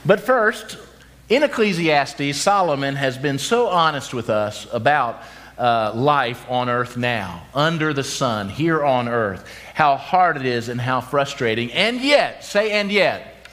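Animated man in his fifties preaching. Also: mid-range voice. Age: 50s. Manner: animated storytelling, slows for emphasis. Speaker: pastor. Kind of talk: sermon.

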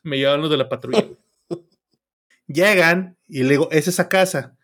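A man's voice: fairly high pitch, moderate pace, fairly bright tone. A man with a Mexican accent, casually telling a story on a podcast in a swearing, slang-heavy way packed with filler words. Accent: Mexican Spanish. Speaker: podcast co-host.

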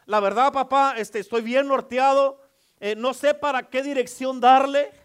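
A man's voice: extremely high pitch, fairly even intonation, unhurried, clear, resonant tone. A man voicing a headstrong grown son who pleads earnestly with his father. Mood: confused.

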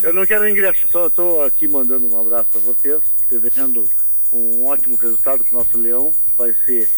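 A man's voice: mid-range voice, brisk, a bit bright, faint music behind, poor audio. Friendly man calling in by phone. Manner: friendly, sends greetings. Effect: over the phone. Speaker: caller. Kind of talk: phone call to a radio show.

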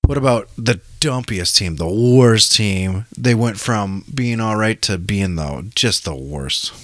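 Low-voiced man chatting football, profane. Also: expressive, slow pace, fairly bright tone, no room sound. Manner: profane, informal. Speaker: sports podcast host. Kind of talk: casual football chat.

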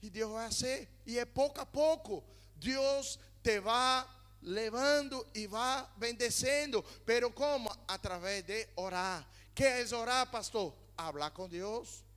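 High, bright-voiced male pastor preaching. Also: slow pace. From Brazil. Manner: mixes Spanish words into Portuguese, calls on the congregation. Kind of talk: sermon. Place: church in Spain. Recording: long reverb of a church hall.

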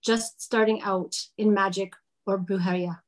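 A woman's voice: medium pitch, steady tone, a little slow. A woman hosting a casual interview, chatty and self-deprecating, thinking aloud as she asks questions. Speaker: interviewer host.

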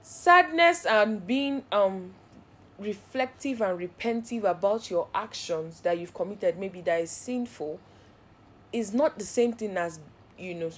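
A woman gives an earnest devotional Bible teaching in a mid-pitched voice. She talks in a heartfelt way and leans on repeated phrases that build into a steady rhythm. A faint hum of room noise sits under her voice. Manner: earnest, heartfelt, repetitive cadences. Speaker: Bible study host.

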